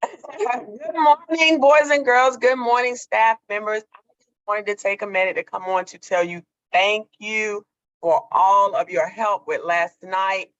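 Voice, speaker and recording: A woman's voice: medium pitch, fairly even intonation, unhurried, lo-fi sound. A woman school staff member speaking over a video call on the school intercom, giving effusive thanks. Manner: warm, effusive thanks, repeating herself. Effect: heard over a video call on the intercom. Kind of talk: school morning announcement.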